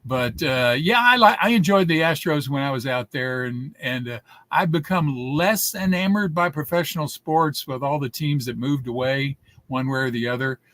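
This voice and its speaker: A man's voice: mid-range voice, normal speed, fairly bright tone, dry recording. A man in his seventies, a guest telling stories in a casual interview, rambling with many restarts. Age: 70s.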